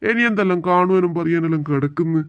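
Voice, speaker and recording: A woman voicing an exasperated middle-aged husband in a cartoon, scolding quickly. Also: on the low side, muffled recording, very noisy, lightly acted. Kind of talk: cartoon voice acting.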